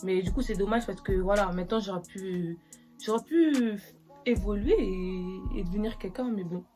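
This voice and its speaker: A young woman chats loosely to her viewers, full of fillers, restarts and slangy asides. Her voice sits at an ordinary middle pitch. A faint bed of music plays softly behind her. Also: moderate pace. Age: young adult. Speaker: vlogger. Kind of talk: casual get-to-know-me vlog.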